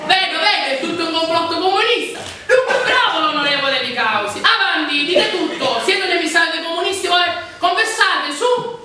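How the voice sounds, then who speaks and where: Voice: very high voice, lively intonation, fairly quick, sharp tone, exaggerated voice. An actor a playing a stern, bewildered seminary vice rector in a stage farce, questioning formally and pompously. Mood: stern, suspicious. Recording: echoey hall, distant mic, audience noise.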